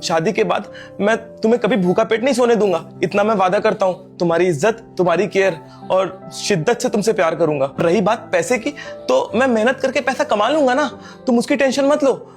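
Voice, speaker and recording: A man's voice: sits high, fairly quick, faint music behind. A man playing a pleading poor servant. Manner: pleading, earnest. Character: poor young male servant pleading for love. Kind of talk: scripted skit acting.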